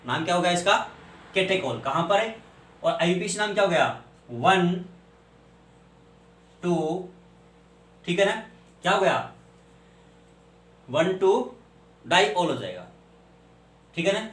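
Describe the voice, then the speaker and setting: A man's voice: high-pitched, expressive, takes it slowly, long pauses, a bit bright, far from the mic. A male chemistry teacher, lecturing and asking questions he then answers himself. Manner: asks questions and answers them himself, spells out names. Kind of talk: classroom lecture. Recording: echoey room, voice from off-mic.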